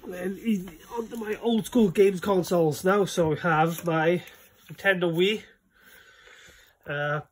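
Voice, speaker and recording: This young man from Wales chats casually while showing off his small home games room, rambling and filling gaps as he films on a handheld phone. He has a high voice with a breathy edge and keeps a measured pace.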